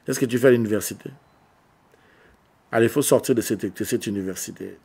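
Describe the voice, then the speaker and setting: Male pastor, sermon delivery, repeats phrases for emphasis, shifts from soft to loud. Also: lowish voice, fairly quick, creaky, slightly rough.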